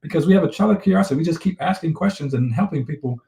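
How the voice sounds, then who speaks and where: A man, a relationship coach, talking fast and energetically in a casual conversation about relationships. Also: a little high, creaky, dark tone, roomy sound. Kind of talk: casual conversational talk show.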